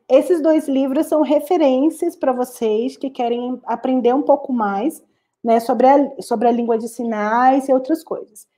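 A woman's voice: high voice, fairly even intonation, measured pace, warm tone. Earnest Brazilian woman lecturing live online. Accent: Brazilian Portuguese. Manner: earnest, explanatory, addresses students directly. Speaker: guest lecturer.

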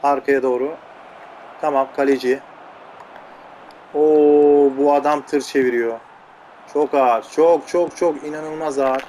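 A man's voice: medium pitch, fairly even intonation, normal speed. A man giving casual, teasing commentary over his own football video game match, grumbling and joking at his players. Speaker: gameplay commentator. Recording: game crowd audio loud underneath. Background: loud game crowd noise.

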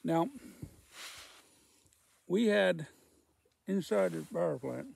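A man tells a rambling, folksy story between puffs on his pipe, repeating himself as he goes. His voice sits a little high for a man, rough with gravel and a husky edge. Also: slow, a little mellow. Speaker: storyteller, former welder. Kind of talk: casual spoken storytelling.

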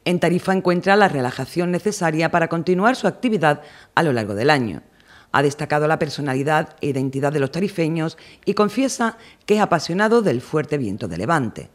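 A man's voice: a little high, expressive, brisk. A man reading a scripted news report as the reporter's voice-over.

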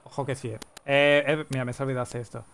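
Against a noisy background, a man delivers live play-by-play of a football video game in a flat, mid-range voice. He calls player names in rapid succession and launches into long goal cries.

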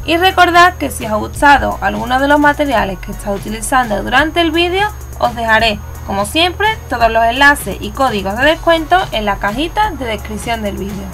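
Brisk and animated with hardly any pauses, a nail art channel host from Spain talks through a tutorial in her Spanish accent, chatty and instructive and occasionally correcting herself. Her voice sits high with a gravelly edge, and soft music plays faintly beneath.

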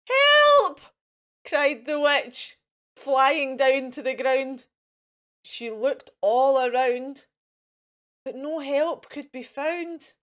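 Very animated, high-voiced woman storyteller. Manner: theatrical, expressive, drawn-out. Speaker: storyteller, host of a children's storytime. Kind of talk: animated children's storybook reading.

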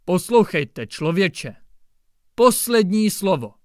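A short-tempered old-fashioned judge who snaps and scolds, his voice pitched up and loud, put on by a man reading a story. His speech swoops with lively pitch. The sound is close and dry. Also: dry recording. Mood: scolding. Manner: barking, scolding outbursts. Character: irritable blustering male district judge, middle-aged.

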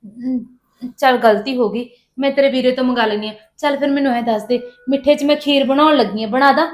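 A woman's voice: high voice, steady tone, brisk, natural voice. An actress playing a patient housewife who placates her demanding sister-in-law and complains to her husband. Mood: pleading. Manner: pleading, placating, then aggrieved. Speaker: actress in a village family drama.

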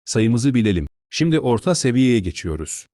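Male compilation host, scripted narration, animated intonation, loud music underneath. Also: medium pitch, moderate pace. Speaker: video host.

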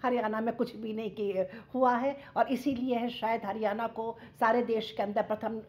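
A woman with a high, bright voice speaks on a television debate panel. She argues her point emphatically, circling back and repeating phrases to press them home. Her delivery is rhetorical and insistent. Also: steady tone, normal speed. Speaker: Congress party panelist.

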